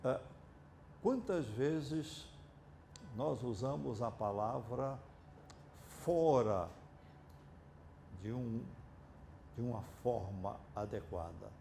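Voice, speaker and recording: A Brazilian psychiatrist giving a reflective, digressive lecture in an auditorium, with drawn-out pauses and hesitant fillers. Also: male voice, mid-range voice, expressive, creaky, warm tone, a little hiss or hum. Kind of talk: unscripted lecture.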